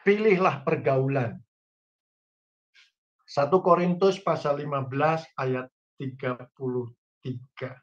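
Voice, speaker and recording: A man's voice: mid-range voice, takes it slowly, pauses often, muffled recording. A man preaching a sermon as pastor, speaking straight to the congregation with folksy, humorous examples. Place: church online service.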